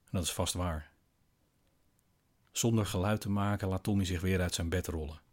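A man narrating a scripted eerie bedtime story in a quiet, slow, hushed way with long pauses. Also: low-pitched, steady tone.

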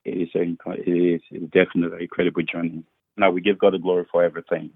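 A man's voice: low voice, flat delivery, fast talker, slightly rough, dry recording. A man from Liberia, a pastor and author, earnestly telling his testimony in a podcast interview and often repeating his first words. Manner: earnest, repeats words when starting sentences. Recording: muffled phone-like line.

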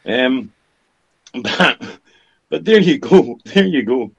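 A man in his fifties from the Scottish Highlands, with a Highland accent, talking casually and candidly about things in a conversational, storytelling way. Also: lively intonation, takes it slowly, creaky, husky. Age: 50s. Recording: dull lo-fi sound.

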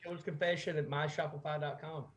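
A man's voice: fairly high pitch, level tone, fast, crowd noise. A man from North Carolina with a Southern accent, a musician guest chatting casually over a video call, rambling with lots of fillers. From North Carolina, USA. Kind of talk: casual chat.

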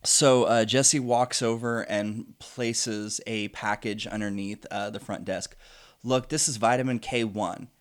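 A man's voice: on the low side, steady tone, unhurried, smooth. Laid-back male tabletop player. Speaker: player and show host. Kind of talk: tabletop role-play, casual.

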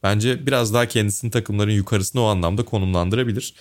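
A man's voice: on the low side, fairly even intonation, fast. A man co-hosting a casual talk show, giving opinions at length and thinking aloud with fillers. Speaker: podcast co-host. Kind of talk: casual conversational commentary.

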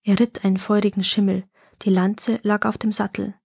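A woman narrating a fairy-tale legend in a calm, even reading voice. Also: medium pitch, moderate pace, gravelly, breathy edge, dry recording, clean studio sound.

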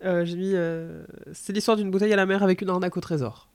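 A woman co-hosts a casual conversation about books. She adds short, relaxed remarks with a few fillers. Her voice is recorded dry, with no room echo. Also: on the low side, fast talker. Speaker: podcast co-host. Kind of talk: casual literary discussion.

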